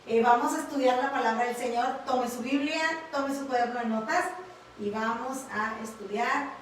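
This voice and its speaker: Mexican woman, Bible class teacher, slightly high voice, tag questions throughout; distant mic in a very echoey room with faint noise. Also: moderate pace. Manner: frequent tag questions and fillers.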